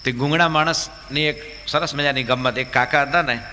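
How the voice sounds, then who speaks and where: A man's voice: mid-range voice, steady tone, moderate pace, pushed and bright, long reverb tail, a little hiss or hum. A man, a monk, telling humorous stories to an audience in a chatty way and often asking them questions. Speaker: monk giving a talk. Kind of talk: humorous religious storytelling.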